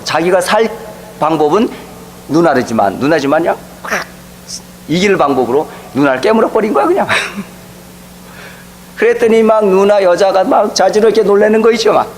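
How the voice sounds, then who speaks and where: A middle-aged man preaches a sermon from the pulpit, his voice sitting fairly high for a man. He tells stories in a lively way and briefly acts out the people he quotes. A faint hum runs under the recording. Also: moderate pace, poor audio. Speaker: pastor. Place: church sanctuary.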